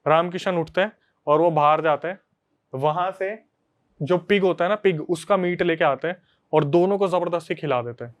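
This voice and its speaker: A man hosting a podcast, telling a story to his friends in a casual, animated way. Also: a little high, moderate pace, lo-fi sound. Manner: animated, conversational retelling to friends.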